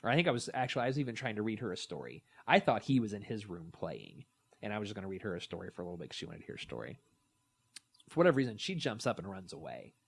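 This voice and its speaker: Lower-voiced man telling animated stories. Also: rapid-fire, vocal fry, husky. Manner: animated storytelling, acts out quotes. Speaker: podcast co-host. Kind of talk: casual chat.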